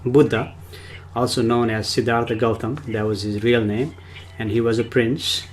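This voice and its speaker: A man's voice: mid-range voice, fairly even intonation, normal speed, slight background noise. A man from Nepal, a spiritual teacher giving a rambling, casual livestream talk and often speaking of himself in the third person.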